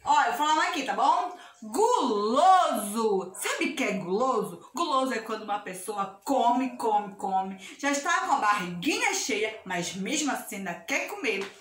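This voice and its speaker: A woman's voice: fairly high pitch, big pitch swings, moderate pace, few pauses, a bit bright, a little hiss or hum. A young adult woman with a Brazilian Portuguese accent teaching a video lesson to preschool children, encouraging and sing-song. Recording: echoey room, voice from a distance.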